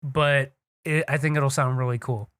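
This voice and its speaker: A young man co-hosting a casual podcast, excitable and swearing freely as he talks in quick bursts. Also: mid-range voice, clean tone, no echo, clean studio sound. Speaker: podcast co-host. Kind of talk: casual chat. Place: home studio. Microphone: desk mic on a live stream.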